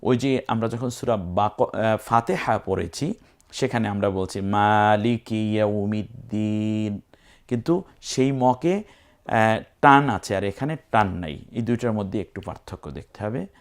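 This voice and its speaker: A man with a Bangladeshi Bengali accent teaching recitation, explaining letter by letter and chanting words in long drawn-out tones. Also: fairly low pitch, expressive. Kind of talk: spelling-out lesson.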